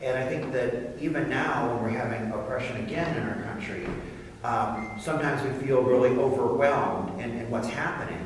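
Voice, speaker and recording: Man, earnest explanatory panel speaker, mid-pitched voice, distant mic, long hall reverb. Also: moderate pace. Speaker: drag performer on a panel. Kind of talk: panel discussion answers. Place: large reverberant room. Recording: very echoey hall, distant mic, faint noise.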